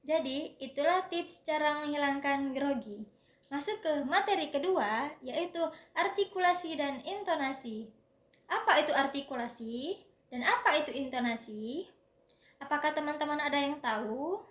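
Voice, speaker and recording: A woman's voice: high-pitched, moderate pace, fairly bright tone, roomy sound. A young woman giving a classroom presentation on public speaking, explaining step by step and demonstrating vowels and breathing aloud. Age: young adult. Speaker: student presenter.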